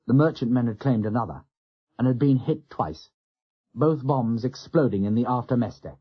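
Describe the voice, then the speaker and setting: Husky male audiobook narrator. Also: medium pitch. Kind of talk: scripted narration of a war novel. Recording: dull lo-fi audio.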